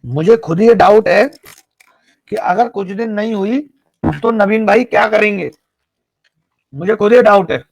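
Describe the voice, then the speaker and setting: A man's voice: high voice, a little slow, gravelly, pauses often, no echo. A man teaching a live online math class, explaining each step and teasing his students with jokes.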